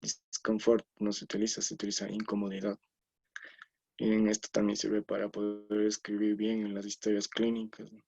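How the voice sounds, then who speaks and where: A man's voice: lowish voice, monotone, moderate pace, gravelly, warm tone, dry recording, highs cut off. A man from Ecuador giving an explanatory lecture on scientific writing, often checking in with tag questions and fillers.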